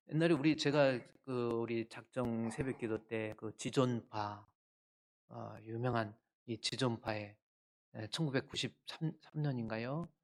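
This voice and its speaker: A male pastor delivering a Sunday sermon, emphatic and full of rhetorical questions, jumping between loud outbursts and quiet asides. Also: medium pitch. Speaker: senior pastor.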